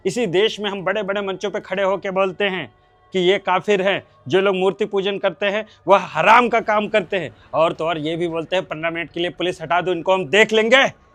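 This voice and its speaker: An actor playing a hardline cleric father who rants and schemes, with forceful preachy delivery. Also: high voice. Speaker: actor in a short drama. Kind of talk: Hindi short-film acting.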